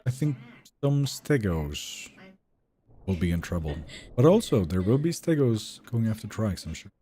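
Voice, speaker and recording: A young man with a low, mellow voice, relaxed and chatty as he streams a game live. His pitch rises and falls a lot while he answers his chat. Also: a little slow, breathy edge. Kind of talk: live gameplay commentary.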